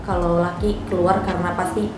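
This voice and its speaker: A woman guest on a podcast, telling a personal story in casual chat, halting and confessional. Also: on the low side, little pitch movement, background noise. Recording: roomy room with background music.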